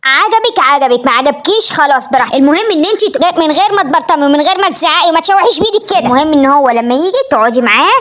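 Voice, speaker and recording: Comedy sketch: woman as a nagging Egyptian mom, high-voiced and fast-talking. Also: expressive, a bit bright. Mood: scolding. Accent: Egyptian Arabic. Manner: scolding, nagging. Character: exasperated scolding middle-aged mother.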